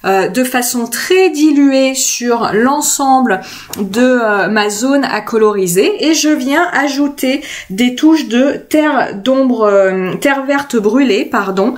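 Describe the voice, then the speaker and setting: A woman's voice: fairly high pitch, animated, takes it slowly. A woman from France talking through a craft tutorial in a casual, chatty way, with many hesitations and self-corrections. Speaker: craft video host.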